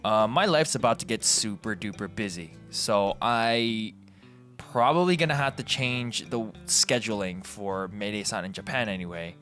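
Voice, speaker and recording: Guitar music backs a Canadian guy hosting a relaxed video commentary, rambling informally, digressing, and revising his own words. He speaks at a moderate pace in a lowish voice with a fairly bright tone.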